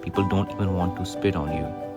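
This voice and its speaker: Wry young man, low voice, loud background music. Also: fairly even intonation, brisk. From Pakistan. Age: young adult. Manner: blunt and wry. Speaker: international student interviewee. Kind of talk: documentary interview.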